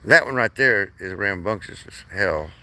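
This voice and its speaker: A man's voice: fairly low pitch, animated, normal speed, sharp tone. A man live streaming from his phone outdoors at night, chatting to viewers in a rambling way and laughing often.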